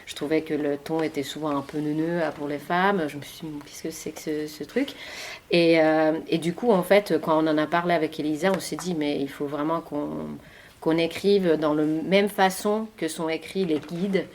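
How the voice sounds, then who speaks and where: Low and a little mellow, this woman's voice holds fairly even intonation at a moderate pace, with slight background noise around it. A Finnish author and journalist in her forties, she answers questions in Finnish-accented second-language French at a library meeting-room talk, often using fillers and restarting.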